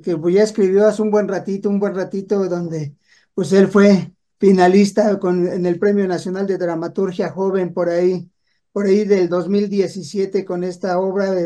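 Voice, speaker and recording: A man hosts a rock radio show and chats casually with a guest. His voice is mellow and dark. He often trails off, restarts and fills gaps while he talks. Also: high voice. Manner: rambling, many restarts and fillers. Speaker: radio host.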